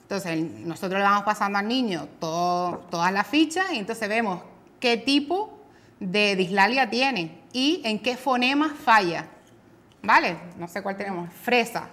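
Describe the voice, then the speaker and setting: A woman's voice: medium pitch, lively intonation, a little slow, a bit bright. A woman with a Canary Islands Spanish accent speaks as a speech therapist on a talk show. She explains things patiently and methodically. Now and then she imitates children's mispronounced words.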